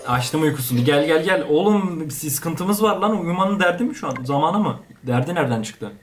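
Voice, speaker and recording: A young man giving casual, slangy gameplay commentary, excitable and chatting to the characters on screen. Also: fairly high pitch, brisk, faint music behind. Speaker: gaming YouTuber.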